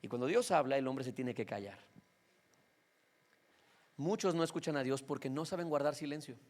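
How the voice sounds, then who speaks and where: A man's voice: mid-range voice, animated, moderate pace, a little mellow. A male pastor with a Mexican Spanish accent, preaching a sermon in a conversational way and often checking in with his listeners.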